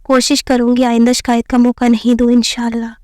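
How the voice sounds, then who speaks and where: A woman's voice: fairly high pitch, completely flat delivery, fairly quick, warm tone, dry recording, clean studio sound, close to an everyday voice. A woman reading the lines of a shy, dutiful young bride who answers politely and earnestly.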